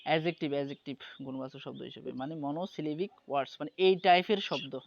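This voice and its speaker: Male teacher, fairly high voice, patient explainer, dull lo-fi audio with noise behind. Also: creaky. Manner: patient, explains slowly, often checks understanding. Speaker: English teacher. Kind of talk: online class lesson.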